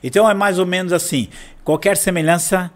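Man, Brazilian Portuguese accent, casual history teacher, animated, slightly high voice. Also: fairly quick. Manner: animated, acts out quotes with many restarts. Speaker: guest teacher of church history.

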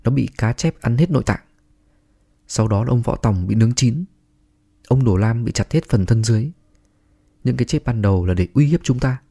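Cool, defiant young woman in a storybook, read by a man; steady, pointed, dark tone. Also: mid-range voice, normal speed, gravelly, long pauses, slightly rough. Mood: calm, pointed.

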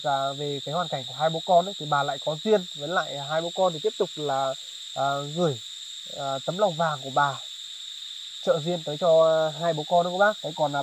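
A man's voice: fairly high pitch, fast talker, background noise. Polite man vlogging outdoors. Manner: polite, addresses viewers often, many fillers. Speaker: charity vlogger. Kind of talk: vlog narration and chat on location. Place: outdoors in a highland village.

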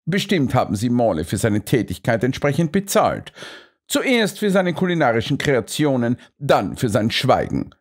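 A man's voice: mid-range voice, wildly swooping pitch, normal speed, husky, voice pushed up, heavily acted. A man reading an audiobook, voicing a shrewd Victorian detective who speaks in a polite, coolly precise and ironic way. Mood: coolly accusing. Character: shrewd male Victorian detective, calm and cutting.

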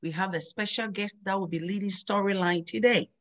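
Leading a Bible lesson for children by video call, this middle-aged host uses a sing-song teacher voice, medium in pitch and a bit bright, as she slowly drills memory verses.

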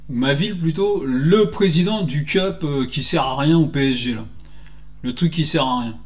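A man in his forties delivers an animated, indignant solo rant and keeps firing rhetorical questions. His voice sits a little high for a man. He speaks into a desk microphone in a small indoor room. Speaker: football commentator vlogger. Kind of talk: solo opinion vlog. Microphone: desk microphone on stand.

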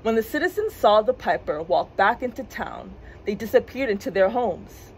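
Expressive woman reading a storybook. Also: on the high side, moderate pace, slight background noise, poor audio. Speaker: librarian storyteller. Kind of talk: children's story time reading. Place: public library.

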